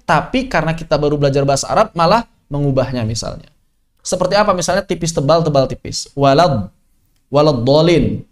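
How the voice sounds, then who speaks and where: A man from West Java's Sundanese region leads an online tajwid class in a high, bright voice. He teaches in a lively, joking way, tossing rhetorical questions at his students and laughing along with them. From Sundanese region of West Java, Indonesia. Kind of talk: online Quran recitation lesson. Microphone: online class microphone.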